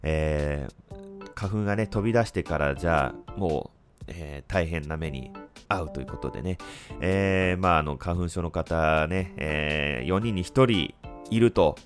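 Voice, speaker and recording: Low-pitched man with a stuffy nose. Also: a little slow, soft background music. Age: 30s. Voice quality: stuffy, congested nasal voice. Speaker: podcast host. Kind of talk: casual solo chat with frequent pauses.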